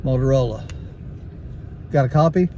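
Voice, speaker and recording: Field testing walkie-talkies for a gear review video, a plain-spoken male host talks to camera in a casual, folksy style, moving between the outdoors and a truck. His mid-range voice is warm and moderately paced, with lo-fi sound. Vehicle and outdoor noise fill the background of the recording.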